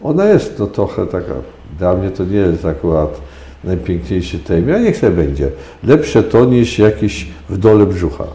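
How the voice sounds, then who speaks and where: Deep-voiced older man lecturing emphatically. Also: sing-song, normal speed, mellow, echoey room. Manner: lecturing, emphatic, with frequent hesitations. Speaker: sexologist guest. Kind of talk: radio interview answers.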